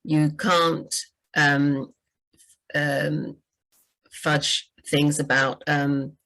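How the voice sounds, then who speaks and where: A woman's voice: deep voice, level tone, drawn-out words, a bit bright, poor audio. A woman, a book editor, talking casually about writing, full of "you know" and restarts. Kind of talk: casual livestream chat.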